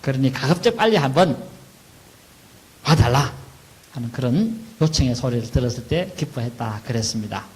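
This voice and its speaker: A man's voice: medium pitch, animated, normal speed, long pauses, a little mellow, rough recording. A middle-aged man preaching a sermon as pastor, asking questions and answering them himself. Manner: acts out wailing mourners in a raised voice.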